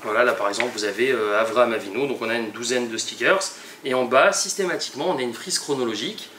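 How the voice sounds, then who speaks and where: A young man, a teacher, presenting a project in a halting way with many pauses and restarts. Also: mid-range voice, pushed and bright, a little hiss or hum. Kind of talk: hesitant spoken presentation. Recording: echoey room, mic at a distance.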